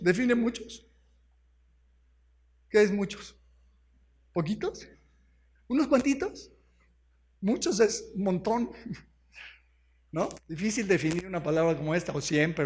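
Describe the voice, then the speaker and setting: A Mexican pastor with a notably high voice delivers a sermon. He keeps turning to the congregation with questions and walks through word meanings one by one. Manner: explains words step by step.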